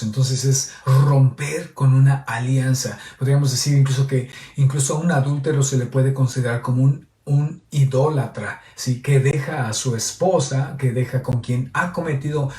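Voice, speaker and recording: A man's voice: medium pitch, steady tone, normal speed, mellow. A priest giving a homily on a Gospel reading in a teacherly way, often checking in with his listeners. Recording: echoey, voice heard from a distance.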